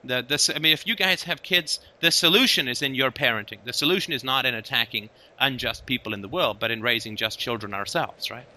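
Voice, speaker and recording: A man's voice: mid-range voice, fairly quick, hardly any pauses, bright, forceful tone. A man hosting a casual conversation, talking emphatically and often checking in with "right?". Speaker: host.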